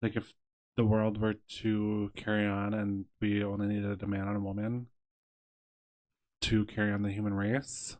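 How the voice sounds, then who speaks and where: A man's voice: fairly low pitch, flat delivery, normal speed, darkish tone. A young adult man co-hosting a podcast, rambling playfully in casual chat and filling his talk with "like.". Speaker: podcast co-host.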